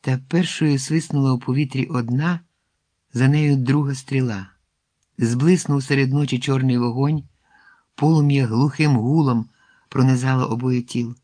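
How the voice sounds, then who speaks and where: A man narrating a fairy-tale adventure in an expressive storybook reading, dropping to a hush at tense moments. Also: medium pitch, normal speed, dry recording.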